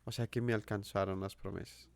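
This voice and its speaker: In a fairly low, gravelly voice, a Colombian man with a matching accent preaches a sermon, speaking a little fast with flat delivery and no room sound. He earnestly asks his audience questions and repeats phrases to drive points home.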